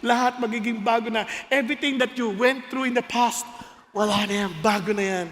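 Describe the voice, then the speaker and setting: Filipino pastor in his 50s, very high voice, lively joking sermon, long hall reverb. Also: moderate pace. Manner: animated, joking, switching between Tagalog and English.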